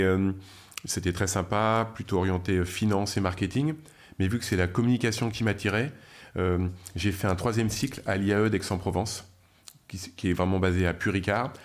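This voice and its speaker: Man, from France, middle-aged, slightly low voice, chatty, lots of fillers. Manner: chatty, many fillers and restarts. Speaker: guest, media founder. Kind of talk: interview storytelling.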